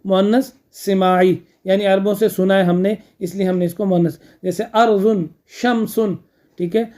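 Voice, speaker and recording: A teacher explains grammar rules in a steady classroom lecture. Key terms are said twice. The teacher asks the class a question, then answers it, and often checks in with a quick filler. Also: mid-range voice.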